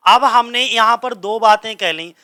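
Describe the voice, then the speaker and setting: A man's voice: sits high, unhurried, bright, forceful tone. A man teaching English grammar in a coaching class, speaking. He keeps asking the class a question and then answering it himself.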